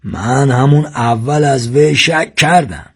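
A man voicing a calm older village leader in a storybook reading, with a husky voice. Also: medium pitch. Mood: steady.

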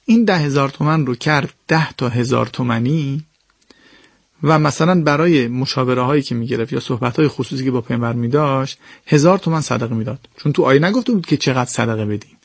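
A man giving an animated religious talk, explaining verses to his listeners with lively swings in pitch and pace. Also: gravelly, no room sound, studio quality. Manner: addresses listeners directly and politely.

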